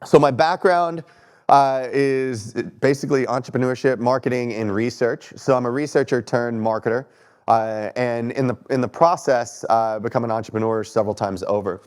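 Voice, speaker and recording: On a lecture hall stage, a Texan man in his thirties gives a conference keynote at normal speed in a medium-pitched voice. Stuffy from allergies, he keeps things conversational and self-deprecating, often asking the audience questions.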